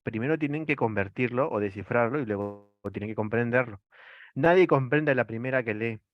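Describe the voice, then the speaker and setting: A man's voice: medium pitch, a little fast, highs cut off. A man with a Peruvian accent, lecturing an online class, explaining and asking rhetorical questions that he then answers. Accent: Peruvian Spanish. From Peru. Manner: frequent tag "¿no?".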